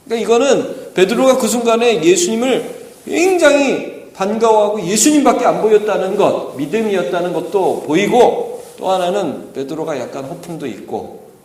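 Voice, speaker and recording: A man's voice: sits high, lively intonation, moderate pace, a little mellow. A man preaching a dawn service sermon, asking the congregation rhetorical questions. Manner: asks rhetorical questions, acts out quoted lines. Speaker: pastor. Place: church sanctuary. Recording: echoey church hall with long reverb.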